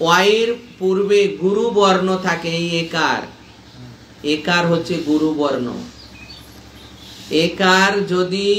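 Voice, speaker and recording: This man's voice sits high with a fairly bright tone, and there's a little hiss or hum underneath. He teaches a scripture class patiently, repeating the key points and checking that his listeners follow. The room is echoey, with faint ambience.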